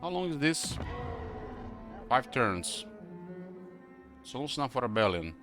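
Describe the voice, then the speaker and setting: A man giving casual strategy game commentary, thinking aloud with hesitant pauses. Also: mid-range voice, big pitch swings. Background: faint game music.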